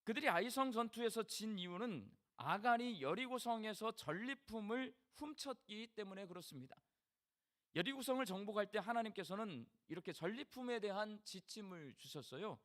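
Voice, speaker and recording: Lively middle-aged pastor with Jeolla accent. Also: male voice, high voice, normal speed. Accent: Jeolla Korean. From Jeolla region of Korea. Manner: folksy, asks the congregation questions. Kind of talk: sermon.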